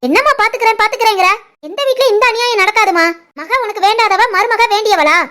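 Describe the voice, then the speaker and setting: A woman voicing a spiteful, taunting young sister-in-law in an animated family cartoon, with a Tirunelveli Tamil accent. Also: very high voice, fast. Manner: taunting, accusing.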